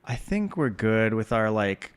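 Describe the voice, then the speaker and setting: A man giving casual, relaxed commentary while he plays a video game, thinking aloud with many pauses and ums. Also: on the low side, slight background noise. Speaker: gameplay commentator.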